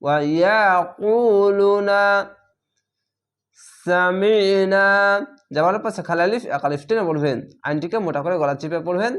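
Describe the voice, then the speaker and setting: A man teaching recitation who spells each word letter by letter, then chants it slowly and draws it out. He states the reading rules briskly and often repeats them. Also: fairly high pitch.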